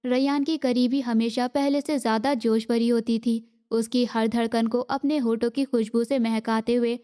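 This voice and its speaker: A woman narrating a romance novel as an audiobook, in a steady, dramatic storytelling manner. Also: a little high, clear, resonant tone.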